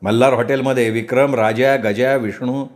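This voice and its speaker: A man's voice: medium pitch, steady tone, normal speed. Man narrating a novel in storytelling style.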